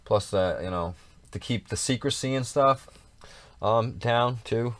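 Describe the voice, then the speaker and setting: A man's voice: mid-range voice, unhurried, no echo. A man co-hosting a casual livestream, chatting in a rambling, repetitive way with plenty of swearing. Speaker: livestream co-host.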